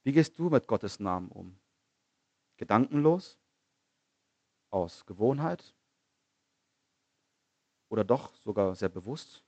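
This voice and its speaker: A man preaching a sermon in an earnest manner, asking rhetorical questions, repeating phrases and slowing down on key lines. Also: on the low side, animated, darkish tone, dry recording, lo-fi sound.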